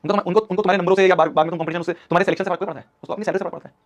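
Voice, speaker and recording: A man's voice: sits high, steady tone, very fast. A young man in his twenties, an online teacher giving a motivational class talk in an urgent, scolding, repetitive way. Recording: dull lo-fi stream audio.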